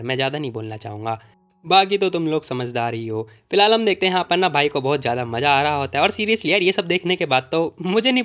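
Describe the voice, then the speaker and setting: Fast-talking chatty male recap narrator. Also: on the high side, fairly bright tone. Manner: chatty, jokey asides to the audience. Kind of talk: casual storytelling recap.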